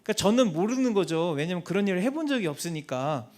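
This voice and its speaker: High-voiced man telling a lively testimony. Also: quick pace. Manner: animated, acts out quoted people. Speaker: missionary giving a testimony. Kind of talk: church testimony storytelling.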